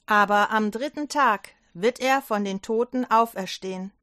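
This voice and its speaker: A woman's voice: medium pitch, pushed and bright. A woman voicing a solemn angel messenger. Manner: solemn, measured.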